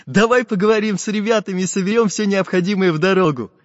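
A man's voice: high voice, fast, no echo, in a large hall, highs cut off, voice pushed up, lightly acted. A man voicing a kind, dreamy magic painter who speaks eagerly.

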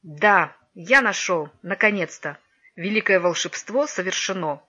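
Lady doing an old grandpa, hoarse and hollow, solemn, muffled recording. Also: on the low side, lively intonation, a little slow, pushed and bright, exaggerated voice. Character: spry old grey-bearded grandfather, solemn.

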